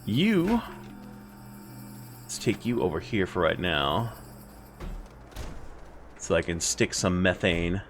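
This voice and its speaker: A man talks his way through a building game in a loose, conversational let's-play style. His pitch jumps around a lot as he muses to himself, with faint music playing underneath. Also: very animated, slow, long pauses. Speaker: gaming video host. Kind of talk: casual let's-play commentary.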